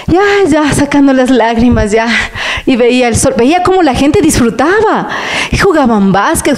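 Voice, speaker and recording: Emotional woman preacher with a higher voice. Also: darkish tone. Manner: emotional, pitch jumps up and down for emphasis; addresses listeners as brothers.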